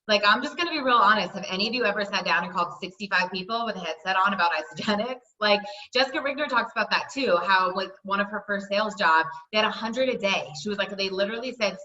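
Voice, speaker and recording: A woman hosting a team call in a casual, emphatic network marketing recruiter pitch, chatty and full of rhetorical questions. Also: pushed and bright, echoey room, lo-fi sound.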